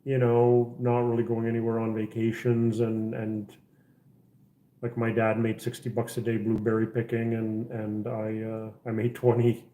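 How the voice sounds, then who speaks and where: A man's voice: lowish voice, monotone, moderate pace, warm tone, echoey room. A middle-aged man from the Czech Republic hosting a casual livestream chat, rambling with lots of fillers and restarts. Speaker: livestream host. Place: house interior.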